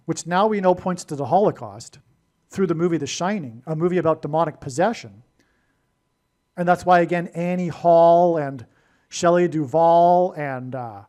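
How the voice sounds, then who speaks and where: A man's voice: fairly high pitch, darkish tone. A man delivering a rambling solo monologue, full of digressions and restarts. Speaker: prophecy video host.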